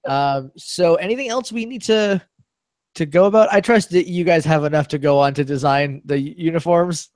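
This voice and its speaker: A man playing in a tabletop game, joking and chatting quickly. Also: fairly high pitch, no room sound, studio quality. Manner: jokey, fast, quick to laugh. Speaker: player. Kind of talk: casual chat at a tabletop game.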